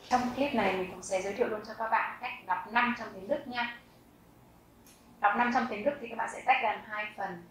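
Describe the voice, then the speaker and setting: A woman in her thirties giving a language lesson, repeating each example phrase slowly and deliberately. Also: fairly high pitch, a bit bright, far from the mic, a little hiss or hum. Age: 30s. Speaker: German teacher. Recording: very echoey room.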